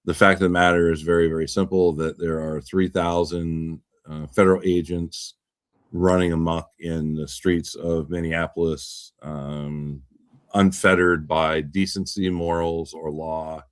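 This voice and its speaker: Deep-voiced man rambling in casual talk. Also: little pitch movement, a little slow, clear, resonant tone, no echo. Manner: rambling, repeats words, swears when riled. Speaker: podcast host. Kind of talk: casual political chat.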